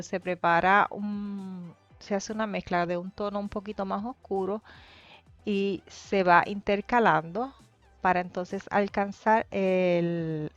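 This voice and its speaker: A woman narrating a painting tutorial in a calm, explanatory way, pausing often with hesitations as she describes each step. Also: lowish voice, no room sound. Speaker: painting teacher. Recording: dry, dull lo-fi voice-over with faint music.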